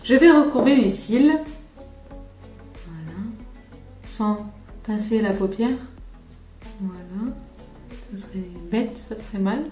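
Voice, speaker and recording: Expressive and mellow, with a medium pitch, this woman speaks slowly and pauses often. She's a makeup vlogger from France doing a laid-back tutorial on a tripod-mounted camera, full of chatty, self-deprecating tangents. Faint music plays in a roomy space.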